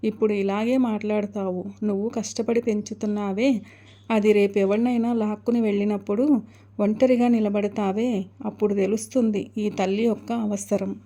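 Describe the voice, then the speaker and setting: A woman voicing a harsh, sharp-tongued grandmother in an audio story. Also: medium pitch, fairly even intonation, moderate pace, lightly acted. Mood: scornful.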